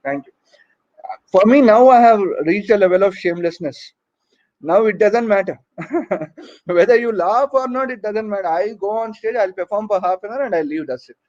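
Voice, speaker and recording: High-voiced Indian English comedian, teasing. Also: male voice, normal speed, darkish tone. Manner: teasing, chatty, frequent tag questions. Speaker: stand-up comedian. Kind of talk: stand-up comedy set. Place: home, virtual conference. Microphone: online call audio. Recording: dull lo-fi online audio.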